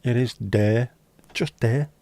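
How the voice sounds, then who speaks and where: This man's voice is medium in pitch, slow, and a little mellow. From his home livestream setup, he runs a casual stream where he reads out chat messages and ribs viewers with playful, mildly profane jokes.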